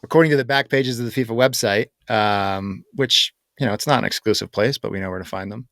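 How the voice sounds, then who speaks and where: Low-ish guy cohosting a chat podcast, lots of ums, dry close sound. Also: brisk, a bit bright, dry recording. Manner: conversational, explaining with many fillers. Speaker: podcast co-host. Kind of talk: casual chat.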